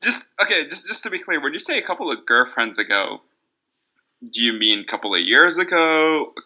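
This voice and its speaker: A man's voice: on the high side, very animated, fairly quick, sharp tone, low-quality recording. A man from Lebanon in casual podcast chat, laid-back, saying dude a lot and swearing.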